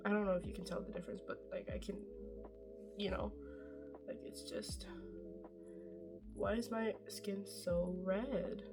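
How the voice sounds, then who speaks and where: A young Norwegian woman, a beauty vlogger, chats through a casual makeup tutorial in a medium-pitched voice with huge pitch swings, a little slow and pausing often. She rambles, makes fun of herself, and swears casually, all over loud music.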